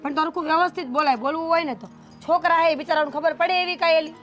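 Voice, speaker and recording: A woman's voice: extremely high pitch, steady tone, fast talker, a bit bright, lo-fi sound, soft background music. A woman playing a reproachful elder sister who scolds her stubborn younger sibling. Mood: scolding. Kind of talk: family drama acting.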